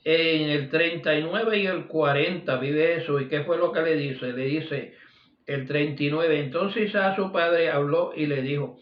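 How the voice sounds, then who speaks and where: A man's voice: a little high, a little slow, recorded from a distance. A man preaching a sermon, reading scripture and repeating praise phrases between his lines. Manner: repeats "vive Jesús, aleluya" between phrases; reads scripture aloud, voice rising and falling. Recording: echoey, dull lo-fi sound.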